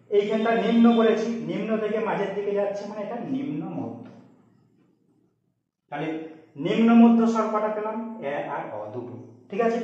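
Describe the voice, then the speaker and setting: High-voiced male teacher in an echoey room. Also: a little mellow. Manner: explains step by step, often asks "okay?" to check students follow. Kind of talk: blackboard grammar lesson. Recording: echoey room, distant mic, dull sound.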